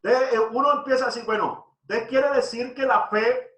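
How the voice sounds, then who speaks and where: High bright-voiced man preaching. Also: fairly even intonation, normal speed, reverberant, distant mic, poor audio. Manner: earnest preaching, voice rising when quoting scripture. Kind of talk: devotional sermon.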